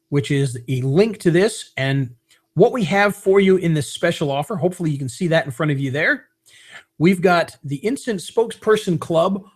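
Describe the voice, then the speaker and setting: A man hosting a live webinar, pitching a membership and answering viewer questions in a casual, upbeat way. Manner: casual, upbeat, with fillers and quick jokes. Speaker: webinar host.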